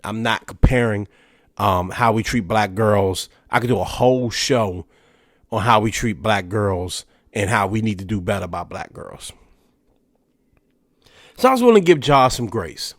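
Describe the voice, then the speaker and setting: A fairly low, animated male voice hosts a podcast at a measured pace, sounding a little congested and nasal due to allergies. He talks casually by himself, filling gaps with "you know" and restarts. Studio-quality audio with no echo.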